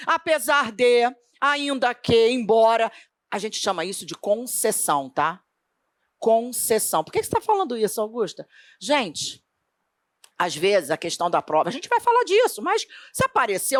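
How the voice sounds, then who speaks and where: A middle-aged woman with a Brazilian accent teaching a Portuguese grammar lesson for an exam, emphatic and lively, asking questions and then answering them herself. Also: mid-range voice, no room sound. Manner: animated, emphatic, asks and answers her own questions.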